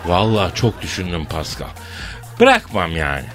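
A man's voice: low-pitched, huge pitch swings, moderate pace, fairly bright tone, faint music behind. A man hosting a morning radio show, chatting casually and telling long comic anecdotes. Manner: jokey storyteller, spins long anecdotes.

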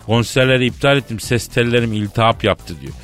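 A man's voice: mid-range voice, fairly quick, fairly bright tone, faint music behind. A man hosting a comedy radio show, teasing his co-host and staging a fake phone call. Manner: jokey, teasing, mimics the other end of a phone call.

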